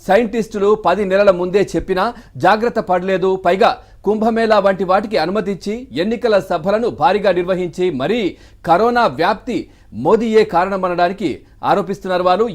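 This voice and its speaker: A male news narrator who reads at a very rapid clip with a high voice. His delivery is brisk and urgent, in the manner of a television voice-over.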